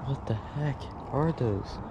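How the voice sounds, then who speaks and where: A man filming himself bass fishing at a pond, talking casually to himself and his companion as he casts. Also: takes it slowly, highs cut off. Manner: relaxed, mutters to himself while casting. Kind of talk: casual running commentary. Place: grassy pond bank outdoors. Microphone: body-worn action camera. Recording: outdoor action-cam audio with clear background noise.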